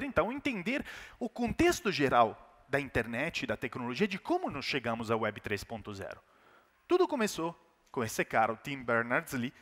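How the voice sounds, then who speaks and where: In a large, reverberant conference hall, a keynote speaker from Italy, a native Italian speaker with an Italian accent, gives an emphatic business talk. His fairly high, slightly bright voice rises and falls as he poses rhetorical questions.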